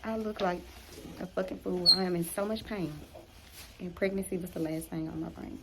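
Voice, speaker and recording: A young woman from Louisiana, telling a personal story to camera in a chatty, animated way. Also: on the low side, normal speed, very noisy. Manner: chatty, animated, speaks to viewers as girlfriends. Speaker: mom vlogger. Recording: echoey room.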